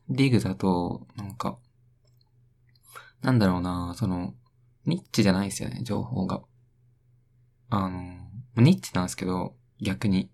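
Rambling young man with a gravelly voice. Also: sits low, a little mellow, a little hiss or hum. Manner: rambling, talks to himself, plays with words in sing-song repeats. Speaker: podcast host. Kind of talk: rambling solo radio talk.

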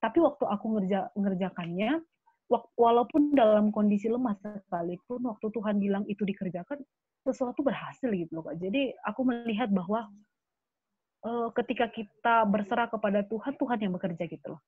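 A young adult woman speaking as a guest in an earnest, animated casual chat with many fillers. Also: medium pitch, brisk, husky, dry recording. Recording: tinny phone-like line.

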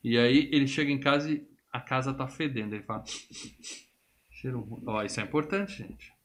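A man's voice: mid-range voice, fast talker. A man, a podcast co-host animatedly retelling a film in casual chat and freely swearing. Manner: animated storyteller, acts out characters' lines, swears freely.

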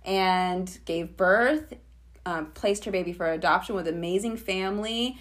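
A woman's voice: lowish voice, a little slow. A young woman co-hosting a podcast, chatting casually in an upbeat, enthusiastic way with plenty of fillers. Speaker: podcast co-host. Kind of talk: casual chat.

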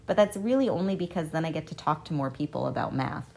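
Speaking fast in a low, gravelly voice, this woman is a math professor being interviewed on the radio. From the radio studio she chats casually, telling stories with animation and acting out the quoted exchanges.

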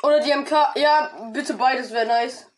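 A woman chatting with teammates during an online shooter match, trading slangy callouts and sometimes shouting in excitement. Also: sits high, normal speed, crowd noise. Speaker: gamer. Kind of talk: excited gaming chat with teammates.

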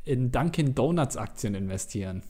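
A male podcast host with a relaxed, mellow tone and a medium-pitched voice. He chats casually and jokingly, rambling along and often restarting his words. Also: normal speed.

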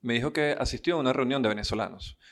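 A man who is a comedian co-hosting a casual podcast, with quick playful interjections. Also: medium pitch, a bit bright.

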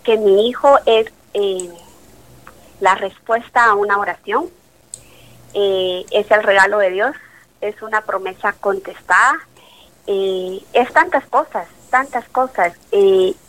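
Slowly and in a mid-range voice, a woman doctor in her late thirties gives an interview testimony about her faith, full of emotion, animatedly acting out the dialogue she recalls. It's a low-quality recording.

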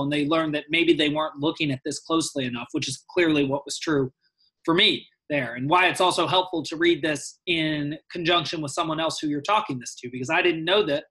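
Bright-voiced inquisitive man. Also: on the high side, slightly rough, low-quality recording. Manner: inquisitive, reflective, asks questions. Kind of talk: conversational close reading.

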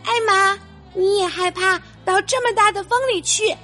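A woman's voice: very high voice, moderate pace, sharp tone, faint music behind, pitched above the performer's own voice. A woman voicing a small, fretful blue bird in a children's storybook reading. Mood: teasing.

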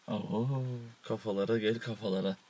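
A man's voice: on the low side, darkish tone, slight background noise. Joking man in casual chat. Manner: joking, rambling, laughs often. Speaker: co-host.

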